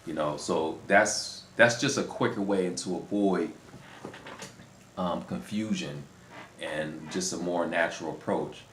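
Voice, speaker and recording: A man's voice: low voice, unhurried, a bit bright. A man hosting a language-learning video, giving casual unscripted advice in a rambling way, often repeating and rephrasing himself. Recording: roomy echo, faint background noise.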